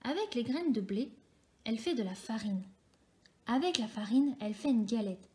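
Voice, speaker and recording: Lady reading a kids tale out loud, high voice, lively and expressive. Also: moderate pace. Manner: lively, expressive read-aloud. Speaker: storyteller. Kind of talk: children's story reading.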